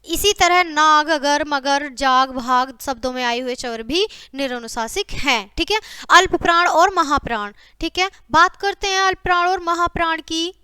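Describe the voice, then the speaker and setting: A woman's voice: sits high, moderate pace, sharp tone, dry recording, studio quality. A woman teacher giving a grammar lesson to children, constantly saying "okay" and listing example words one by one. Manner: repeats "ठीक है" and addresses "बच्चों" constantly. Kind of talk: classroom grammar lecture.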